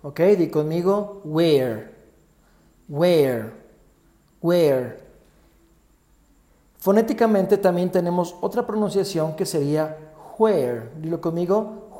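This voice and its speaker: A man's voice: high-pitched, mellow, reverberant. A man hosting a podcast English lesson, patiently repeating words for listeners to say with him. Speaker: English teacher, podcast host.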